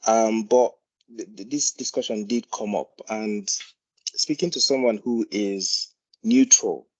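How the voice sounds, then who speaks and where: A man's voice: fairly low pitch, measured pace, a little mellow, rough recording. A man with a Nigerian accent contributing to an informal discussion as a doctor, hesitantly repeating words as he explains. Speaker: GP doctor, meeting participant.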